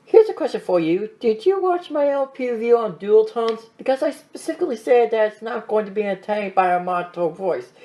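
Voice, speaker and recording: Brief: young-sounding male reviewer, monotone, rattles through his points quickly. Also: high voice. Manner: flat, monotone delivery. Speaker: reviewer under criticism. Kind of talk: online video review commentary.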